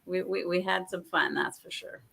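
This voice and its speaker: Bright, gravelly-voiced woman host. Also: lowish voice, fairly even intonation, moderate pace. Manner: friendly and upbeat, giving thanks. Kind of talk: casual chat.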